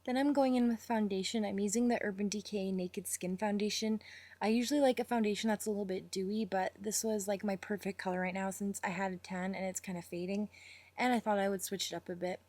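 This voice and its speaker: A young woman talking casually through her makeup routine in a voice-over, chatty and rambling, with fillers and quick apologies. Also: medium pitch, fairly even intonation, a little mellow, dry recording. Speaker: makeup vlogger.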